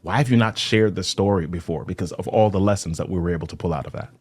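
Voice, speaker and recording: A man from Jamaica, a guest on a podcast, talking about storytelling in a brisk, animated way and explaining his points with examples. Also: deep voice, slightly rough, no echo. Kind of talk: conversational interview.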